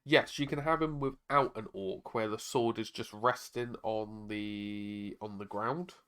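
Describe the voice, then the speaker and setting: A man with a hoarse, raspy voice, chatting casually on a live stream while painting miniatures. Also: fairly low pitch, steady tone, measured pace, a bit bright. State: hoarse, struggling to talk.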